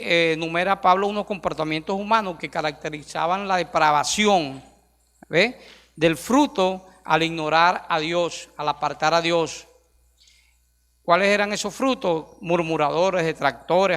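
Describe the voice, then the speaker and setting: A man's voice: on the high side, gravelly, fairly bright tone. A middle-aged man preaching a sermon in a church, emphatic and full of rhetorical questions to the congregation. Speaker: pastor. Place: church sanctuary. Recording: long hall reverb.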